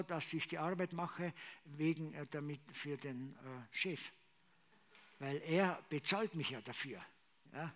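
High-voiced man preaching. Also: fairly bright tone. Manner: conversational, frequent fillers and restarts. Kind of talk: sermon testimony.

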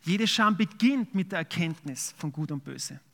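A man's voice: fairly high pitch, expressive, moderate pace, gravelly, a bit bright. A man preaching a sermon, reading scripture aloud and then explaining it in a conversational way with fillers. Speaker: pastor.

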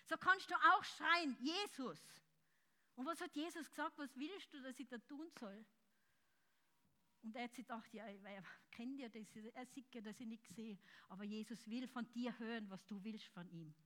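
Fervent high-voiced woman preaching. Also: moderate pace. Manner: fervent, swings between loud shouts and soft intimate speech. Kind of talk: charismatic sermon.

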